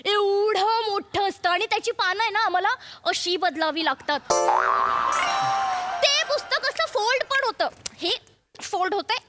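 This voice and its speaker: Lady doing a spoiled rich madam, super high voice, tosses in english words, mangles stuff. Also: expressive, unhurried, over loud music. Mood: haughty. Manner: mixes English phrases, mispronounces words. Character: snobbish rich madam, careless and giggly. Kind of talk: comedy sketch acting.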